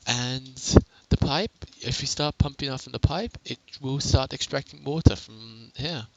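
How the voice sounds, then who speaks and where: Young male gamer, gravelly, chatty home-recorded tutorial voice. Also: medium pitch, measured pace, noisy background. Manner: rambling, self-correcting, chatty. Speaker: game tutorial narrator. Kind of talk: casual gameplay tutorial. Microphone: headset.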